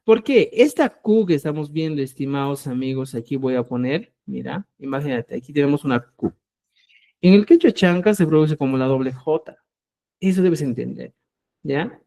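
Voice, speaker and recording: Guy teaching quechua live, kinda high voice, slow syllables, keeps asking ya?. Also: lively intonation, creaky, dark tone. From Peru. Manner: explanatory, keeps checking in with "¿ya?", spells out syllables slowly. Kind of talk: live online class.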